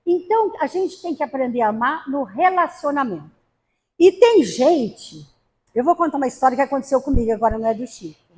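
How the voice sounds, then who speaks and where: A woman's voice: high voice, expressive, brisk, darkish tone. A middle-aged woman from Brazil giving a spiritist talk, telling stories with humor and acting out quotes. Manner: storytelling with acted quotes and humor. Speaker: spiritist lecturer. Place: spiritist center hall.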